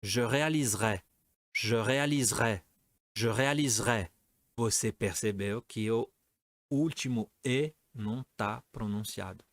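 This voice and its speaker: A man teaching a French lesson, repeating each example several times and slipping into quick Portuguese asides. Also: lowish voice, no room sound, clean studio sound. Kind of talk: explaining a language lesson.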